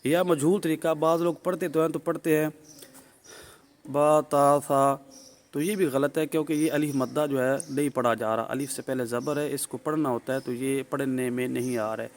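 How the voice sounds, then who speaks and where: A man's voice: medium pitch, steady tone, few pauses, darkish tone. A man with a Pakistani Urdu accent teaching tajweed in a recorded lesson, explaining step by step, checking in often with the listener and carefully drawing out letter sounds. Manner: explanatory, frequent "ٹھیک ہے" check-ins.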